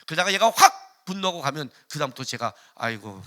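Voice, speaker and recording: A male pastor preaching a sermon, firing rhetorical questions at the congregation and swinging between loud, emphatic outbursts and hushed asides. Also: on the high side, very animated, a little fast.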